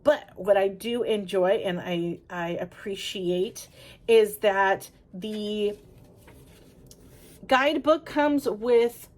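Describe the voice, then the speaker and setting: A woman's voice: mid-range voice, slow. A woman reviewing a tarot deck in a casual, chatty way, talking straight to her viewers and correcting herself as she goes. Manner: chatty, self-correcting, talks to viewers directly. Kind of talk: casual review and flip-through.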